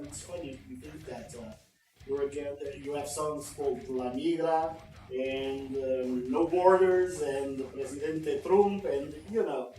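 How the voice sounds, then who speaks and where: A man's voice: a little high, mellow. Rambling male podcast host, roomy and distant. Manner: rambling, circling back to rephrase questions. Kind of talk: casual interview chat. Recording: roomy distant mic with music behind.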